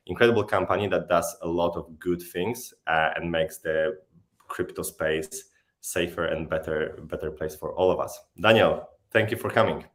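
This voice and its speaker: A male livestream host with a very deep, low voice. He talks haltingly, repeating words and restarting sentences as he searches for what to say. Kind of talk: livestream interview.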